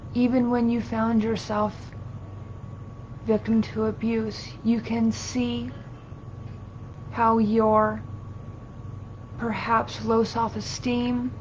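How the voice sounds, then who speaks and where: A woman channeling as a seance medium, giving a solemn spiritual sermon in formal, archaic, halting phrases as a collective "we". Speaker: trance channeler. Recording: dull lo-fi audio with low rumbling noise.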